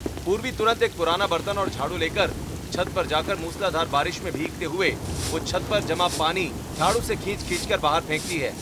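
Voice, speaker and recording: A man's voice: sits high, very noisy. A man reading the scripted narration of a cartoon storybook. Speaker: narrator and voice of the drunk brother.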